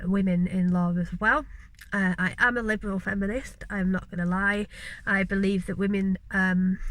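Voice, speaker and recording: A woman's voice: medium pitch, fairly bright tone, poor audio. A mature woman with a Yorkshire accent from West Yorkshire, chatting earnestly to camera about her studies, with plenty of ums and tangents. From West Yorkshire, England. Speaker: vlogger, mature law student. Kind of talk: casual talking-to-camera vlog.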